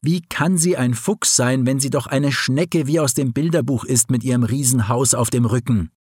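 A man's voice: medium pitch, moderate pace, darkish tone, breathy edge, no room sound, studio quality, natural voice. A man voicing a restless, self-doubting young fox in a storybook reading. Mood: questioning.

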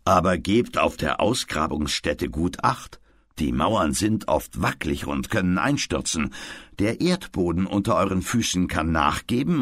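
A man's voice: low voice, no room sound, exaggerated voice. A man voicing a strict but caring older uncle in a read-aloud story, speaking earnestly and with caution.

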